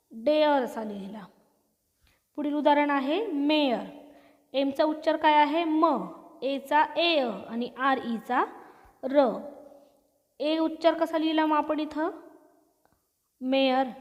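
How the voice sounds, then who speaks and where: High-voiced woman teaching, echoing room. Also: a little mellow. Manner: asks questions and answers them herself, repeats words slowly. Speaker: English teacher. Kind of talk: slide-based pronunciation lesson.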